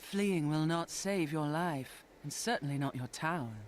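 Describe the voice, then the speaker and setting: A woman's voice: mid-range voice, big pitch swings, moderate pace, a little hiss or hum, natural voice, rough recording. An actress playing a stern, sassy female holy warrior in a fantasy video game. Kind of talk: video game character acting.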